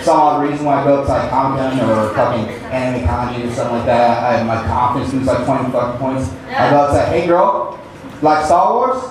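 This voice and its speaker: A young man does a stand-up set on a club stage, speaking briskly at medium pitch in an awkward, rambling, self-deprecating style. The distant mic catches an echoey room, background noise and a crowd.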